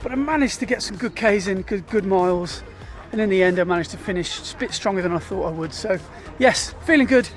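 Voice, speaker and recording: A man's voice: high-pitched, fairly quick, few pauses. A British man vlogging while running, tired and a bit dizzy, talking candidly and with self-deprecation. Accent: British English. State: tired and dizzy mid-run. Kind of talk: casual vlog narration.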